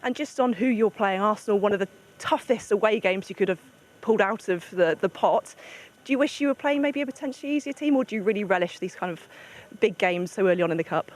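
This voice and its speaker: A female pitchside reporter puts questions in a live sports interview. Her voice is mid-pitched. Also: fast talker.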